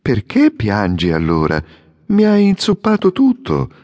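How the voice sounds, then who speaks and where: A man's voice: lowish voice, very animated, measured pace, a little mellow, muffled recording. A man voicing a fussy young male swallow, proud and complaining, in an audiobook fairy tale. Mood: indignant. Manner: peevish, exclaiming. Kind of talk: audiobook character reading.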